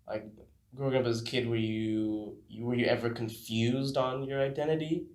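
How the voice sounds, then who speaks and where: A man's voice: mid-range voice, darkish tone. A young man hosting a casual podcast interview, talking in a rambling way with lots of fillers. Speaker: podcast host. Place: room, recorded on a phone. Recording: echoey room.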